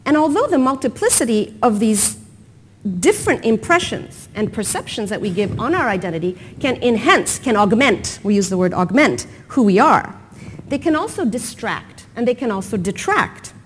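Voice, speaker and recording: A woman's voice: a little high, sing-song, normal speed, a little hiss or hum. A woman speaking at a conference, giving a prepared talk with emphatic phrasing and rhetorical questions.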